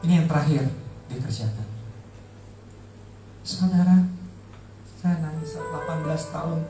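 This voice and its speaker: A man's voice: a little high, unhurried, warm tone. A middle-aged man giving an emotional testimony at church, emphatic and heartfelt, repeating words for stress. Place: large church hall. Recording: echoey hall, distant mic, faint music.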